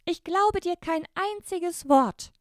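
An indignant little girl from a storybook, high-pitched, whiny and plaintive, as a woman reading aloud puts her on. Her words come out slowly and clearly, and the recording is close and dry. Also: no echo. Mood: upset. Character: young girl, upset and indignant.

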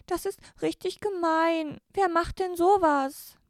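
A woman voicing a young girl who speaks in a high, whiny, plaintive way. The girl is upset and indignant. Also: fairly even intonation, slow pace, no echo, studio quality.

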